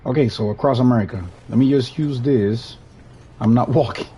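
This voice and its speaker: Warm with a breathy edge, his mid-range voice runs at a normal speed as he chats through gameplay on stream. He's a young Puerto Rican and native Spanish speaker with a Puerto Rican Spanish accent, easygoing and rambling and frequently restarting what he says.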